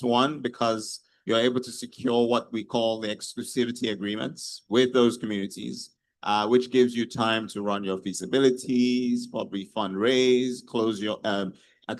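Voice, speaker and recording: A man's voice: fairly low pitch, no echo. A man with a Nigerian Yoruba accent giving a considered answer as a panelist in a discussion.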